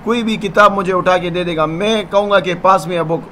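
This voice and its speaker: A man's voice: high-pitched, normal speed, bright, forceful tone, a little hiss or hum. A man teaching English grammar, patiently explaining and often checking that his students follow. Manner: patient, repeats "ठीक है ना?" to check understanding.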